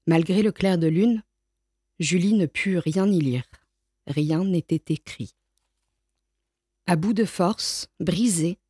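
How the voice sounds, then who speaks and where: A woman reads a storybook aloud in a calm, measured, unhurried manner. Her voice sits on the lower side, and the recording is close and dry with no room sound. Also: no echo. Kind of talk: storybook reading.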